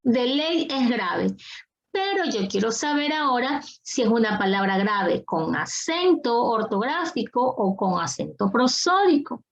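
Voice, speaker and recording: Slow, patient woman teacher on a call. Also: on the high side, very animated, gravelly, lo-fi sound. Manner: patient, coaxing, repeats questions. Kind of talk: online class. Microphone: video call.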